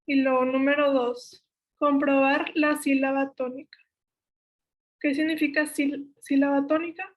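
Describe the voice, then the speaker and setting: A woman's voice: sits high, unhurried. A young woman with a Mexican Spanish accent steadily explaining spelling rules step by step, correcting herself now and then. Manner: steady list-like delivery, self-corrects. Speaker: workshop instructor.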